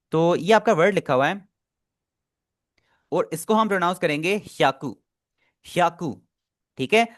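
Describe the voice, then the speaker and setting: A man's voice: on the high side, fairly bright tone. A man teaching an online language class, patiently repeating and explaining pronunciation step by step.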